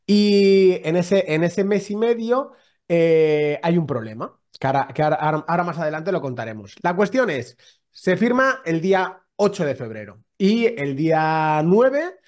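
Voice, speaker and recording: A man co-hosts a casual podcast and tells a long story. His pitch climbs and falls a great deal, and he acts out the dialogue as he goes. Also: animated, moderate pace, darkish tone. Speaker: podcast co-host.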